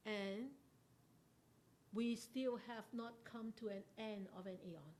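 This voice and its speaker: Speaking at a medium pitch with a darkish tone, a Buddhist nun gives a relaxed, interactive Dharma talk to her class, asking questions and laughing frequently. There's slight background noise.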